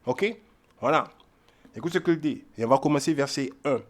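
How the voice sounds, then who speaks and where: A man who calls himself a brother teaches from the Bible in a casual way. He keeps checking in with his listeners, and his voice swings between loud bursts and low mutters. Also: normal speed. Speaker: self-styled Bible teacher. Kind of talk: informal Bible reading with commentary.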